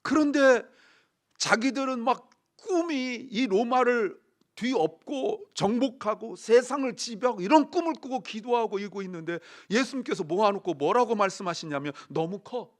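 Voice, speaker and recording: A middle-aged man preaching a Sunday sermon as pastor, telling stories lively and acting out the voices of the people he quotes. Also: very high voice, normal speed.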